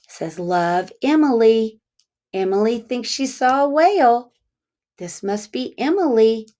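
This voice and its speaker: Reading a picture book to young children, a female teacher speaks deliberately and stops now and then to ask them questions. Her voice is slightly high, warm and expressive.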